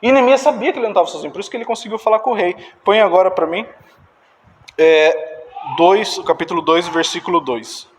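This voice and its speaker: A man preaching a sermon in an animated way, acting out dialogue and directing the slides. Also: high-pitched, fast, a little hiss or hum. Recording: distant reverberant church hall.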